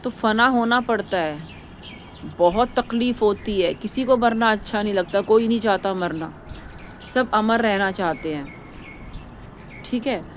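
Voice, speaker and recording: A woman's voice: mid-range voice, a little slow, long pauses, slight background noise. A woman vlogger giving her opinions in a casual, rambling way, repeating herself and lecturing her viewers. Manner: rambling, repetitive, preachy.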